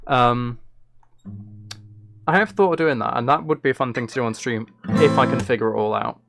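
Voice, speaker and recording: Working on music during a livestream, a man from Britain chats in a loose, rambling way, thinking out loud. His mid-range voice is creaky and moderately paced, picked up on a close streaming mic.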